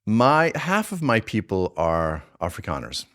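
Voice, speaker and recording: A man from South Africa with a light South African accent and a very low voice hosts his own show. He thinks aloud as he talks, circling back and restarting his sentences. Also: huge pitch swings, measured pace, a bit bright. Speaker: podcast host and filmmaker. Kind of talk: casual reflective monologue.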